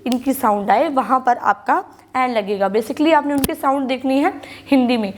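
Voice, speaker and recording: A woman's voice: high voice, normal speed, slight background noise. A woman with an Indian English accent teaching a school grammar lesson in Hindi and English, patiently repeating key words and asking questions she then answers herself.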